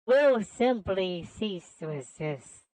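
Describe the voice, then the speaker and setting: A cold, menacing male villain, as a woman puts him on drawls grand threats at a slow, deliberate crawl and sneers at his foes as worms. The voice is dry and close, with no room around it. When his plans fall apart, the threats stammer into frantic cries. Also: medium pitch, expressive, a little mellow, dry recording, poor audio.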